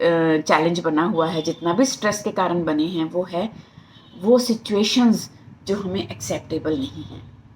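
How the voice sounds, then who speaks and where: Indian woman giving a lively motivational talk. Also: medium pitch, a little hiss or hum, rough recording. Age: middle-aged. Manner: lively, mixing Hindi with English phrases. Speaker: life coach and psychologist.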